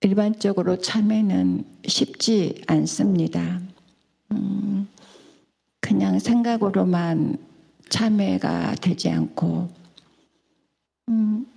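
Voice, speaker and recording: A woman's voice: fairly low pitch, creaky, mellow, slightly rough. A woman student answering a question in class, hesitant with many fillers.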